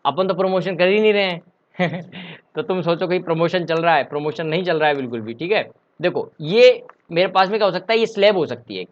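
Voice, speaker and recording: Male engineering tutor, high-pitched and chatty, laptop mic, lo-fi sound. Quizzes himself as he explains. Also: fairly quick. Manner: chatty, asks and answers his own questions. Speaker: civil engineering teacher. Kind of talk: casual online lecture. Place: home room during a power cut. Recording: slightly dull lo-fi audio.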